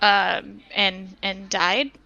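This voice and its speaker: A woman playing in a tabletop game, chatty and quick to laugh. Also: medium pitch, little pitch movement, creaky, bright, forceful tone. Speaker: player. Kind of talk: casual table talk and in-character play. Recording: dull lo-fi audio with faint music.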